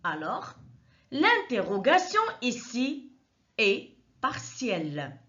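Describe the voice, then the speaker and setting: A woman teaching a grammar lesson, explaining each example slowly and methodically and repeating the key points. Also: on the high side, huge pitch swings, bright, forceful tone, dull audio. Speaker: French teacher.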